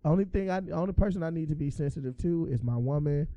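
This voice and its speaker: A man's voice: on the high side, fast talker, dark tone, no echo. A young man hosting a casual podcast chat, loose and blunt, with hype greetings. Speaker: podcast host.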